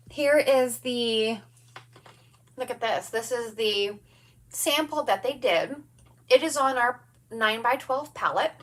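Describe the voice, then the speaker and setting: Woman, craft livestream host, bubbly, enthusiastic, slightly high voice, distant mic, faint background noise. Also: fairly bright tone. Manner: bubbly and enthusiastic, chatty with viewers. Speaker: craft demonstrator hosting a livestream. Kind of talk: upbeat livestream sales chat. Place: home, at her craft table.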